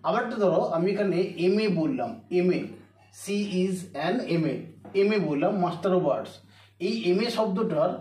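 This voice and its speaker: High-pitched man teaching in an echoey room. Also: a little mellow. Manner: repeats words slowly, asks and answers own questions. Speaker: English teacher. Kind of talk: classroom grammar lesson. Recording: echoey room, mic far off.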